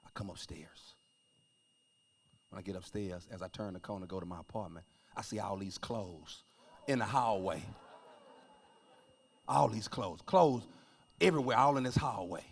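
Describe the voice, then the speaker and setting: A male comedian with a Southern American accent telling stand-up stories in a church, swinging from loud outbursts to mumbled asides. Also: fairly low pitch, moderate pace, vocal fry, pauses often, slight background noise. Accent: Southern American English. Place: church stage, live audience.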